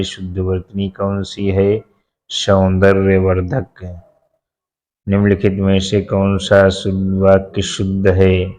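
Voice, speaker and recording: A low-pitched man works through exam questions at an unhurried pace and repeats each answer to make sure it sticks. His tone is dark and mellow, with almost no rise or fall in his voice. The recording is dull and lo-fi. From India. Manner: slow and methodical, repeats each answer word for word. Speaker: teacher. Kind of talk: exam-prep lesson, reading out questions and answers.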